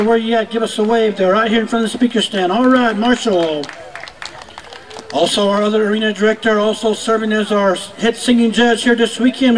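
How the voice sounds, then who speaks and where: A man's voice: high-pitched, a little hiss or hum, poor audio. A man working as a powwow emcee outdoors, announcing and introducing people in an informal, folksy way, calling out to them over a public-address microphone. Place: outdoors at a powwow arena, announcer's speaker stand. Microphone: public-address microphone at announcer's stand.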